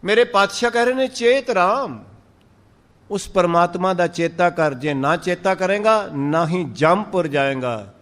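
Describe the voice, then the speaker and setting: A man with a Punjabi accent giving a sermon, drawing out verses slowly and then explaining them in lively speech. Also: sits high, big-room sound. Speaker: Sikh preacher. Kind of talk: sermon on scripture.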